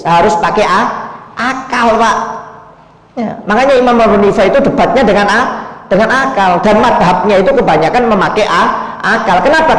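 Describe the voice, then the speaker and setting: A man's voice: sits high, slight background noise. A male Islamic preacher giving a sermon, emphatic and full of rhetorical questions, speaking directly to his listeners. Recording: echoey hall.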